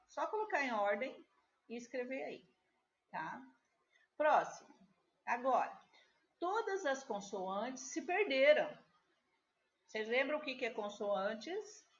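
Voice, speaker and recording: A woman teacher, patiently walking young pupils through a workbook task and checking often that they follow. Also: a little high. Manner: slow, patient, with frequent checking tags. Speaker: primary school teacher. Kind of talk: recorded remote class walkthrough. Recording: slightly dull lo-fi audio.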